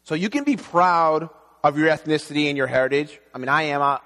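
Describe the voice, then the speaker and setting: A man's voice: fairly high pitch, brisk, bright, forceful tone. Haitian-born male pastor preaching in a hall. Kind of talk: sermon. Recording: long reverb in a hall.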